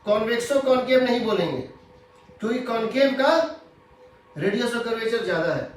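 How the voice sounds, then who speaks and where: A man's voice: very high-pitched, animated, moderate pace. A man teaching physics in a lecture, explaining step by step and repeating key points. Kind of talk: classroom lecture. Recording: very echoey room.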